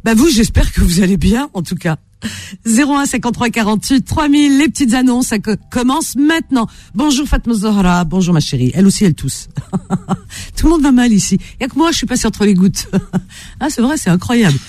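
A woman's voice: on the high side, sing-song, brisk, a little mellow, no echo. A woman hosting a radio show, cheerful and teasing, laughing often with callers. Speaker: radio host. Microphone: studio microphone.

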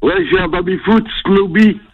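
Raspy smoker, male caller on phone. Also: sits high, fairly even intonation, faint music behind. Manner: halting, repeats words. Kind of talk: casual classified-ad pitch. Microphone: telephone. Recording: narrow-band phone line.

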